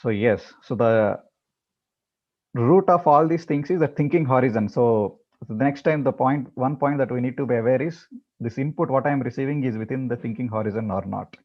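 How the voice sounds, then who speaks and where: Before guiding his group into meditation, a male meditation teacher explains some ideas at an ordinary middle pitch. He speaks haltingly, repeating words and filling pauses, and the recording sounds slightly dull and lo-fi.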